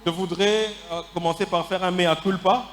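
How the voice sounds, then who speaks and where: High-voiced lisping male preacher in a hall. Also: fairly even intonation, moderate pace, fairly bright tone. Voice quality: lisp, slushy sibilants. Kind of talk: sermon delivered phrase by phrase with pauses for an interpreter. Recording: echoey hall with long reverb, faint music.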